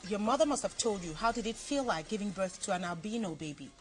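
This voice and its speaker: A woman's voice: mid-range voice, lively intonation, fast, faint music behind. Woman from Cameroon, TV host, chatty, probing questions. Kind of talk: TV interview.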